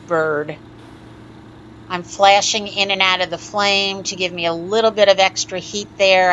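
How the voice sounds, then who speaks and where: A woman teaching a step-by-step glass sculpting lesson, explaining each move in a calm, methodical way. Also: lowish voice, lo-fi sound, slight background noise. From United States. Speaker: glass artist teaching a lampworking demo. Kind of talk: step-by-step tutorial narration.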